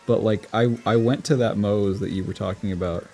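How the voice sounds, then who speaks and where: A young man co-hosting a relaxed chat, often laughing and jumping in with quick replies. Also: lowish voice, faint music behind. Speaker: podcast co-host. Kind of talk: casual chat.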